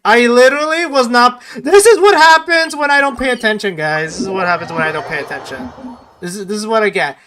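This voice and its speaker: Game music runs behind a woman streamer whose voice is a little high, a little fast, and somewhat bright. Giving casual live gaming commentary, she sounds exasperated and blames herself, repeating things in mutters and outbursts.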